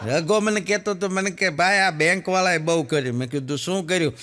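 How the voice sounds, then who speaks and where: A man's voice: high voice, a little fast, noisy background. A man telling jokes on stage as a stand-up comedian, acting out the people in his stories. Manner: animated storyteller, acts out quoted characters. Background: audience laughter.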